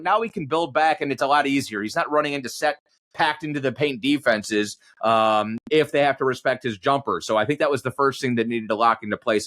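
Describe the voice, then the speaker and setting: Guesting on a podcast, this man, who calls basketball games on radio, breaks down the sport conversationally through long, wandering explanations. He has a mid-range, fairly bright voice.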